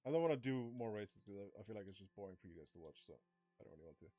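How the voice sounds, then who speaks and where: A young male streamer chats casually with viewers during a racing game, racing through his words in a fairly low, dark voice with lively intonation. He swears freely, wanders from topic to topic and notes he's beginning to lose his voice. A little hiss or hum sits in the background.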